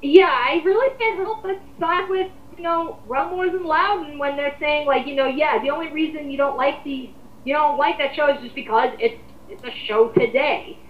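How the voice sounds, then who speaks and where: On a dull, roomy lo-fi home recording with a little hiss or hum, a woman with a high-pitched voice co-hosts an online commentary. At a normal speed, she chats casually and rambles through her opinions informally, swearing now and then.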